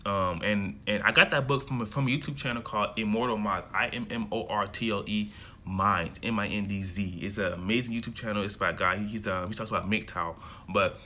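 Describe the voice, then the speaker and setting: Talking a little fast, a young American man in his early twenties rambles casually to camera for his self-development vlog, with plenty of fillers and restarts. His voice is on the low side, bright and forceful, with slight background noise.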